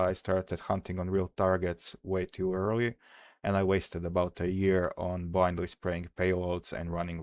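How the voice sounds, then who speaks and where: A young man from Croatia with a Croatian accent, calmly and methodically walking through a security tutorial, pausing with "uh" as he explains. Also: low-pitched, dry recording. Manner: careful, methodical explaining with frequent "uh" pauses. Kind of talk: screen-recorded hacking tutorial.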